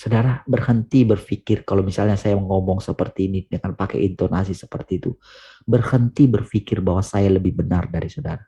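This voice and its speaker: A man preaching a sermon over a video call, earnest and emphatic, rising to urgent questions and then dropping low and quiet. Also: brisk, husky.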